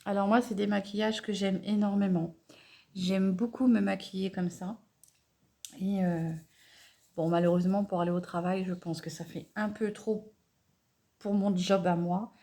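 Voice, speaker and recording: Narrating a makeup tutorial step by step, a woman speaks at normal speed in a steady, mellow, slightly creaky mid-range voice. The beauty vlogger keeps it casual and natural, but her speech is stop-and-start, with hesitations, stammers, and self-corrections.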